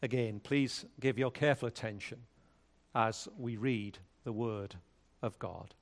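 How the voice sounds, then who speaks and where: A man speaking at a pulpit microphone, a pastor leading prayer and reading scripture in a measured, solemn way. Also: medium pitch. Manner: measured, solemn liturgical delivery.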